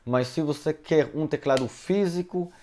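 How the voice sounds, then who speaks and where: A man's voice: a little high, normal speed, warm tone. A man whose first language is Hebrew, teaching a live online Hebrew lesson from home and answering viewers' questions, hesitating often and adding tag questions.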